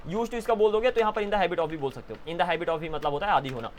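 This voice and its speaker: Indian guy teaching english class, fairly high voice, little bit of background hiss. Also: fast talker. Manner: drills students, mixing Hindi and English. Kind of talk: classroom lesson. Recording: faint background noise.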